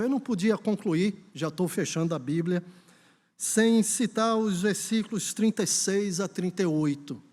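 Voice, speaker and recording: A Brazilian man preaching a sermon at a church conference, telling a story and then urging the congregation on with emphasis. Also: high voice. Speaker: pastor. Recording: long hall reverb.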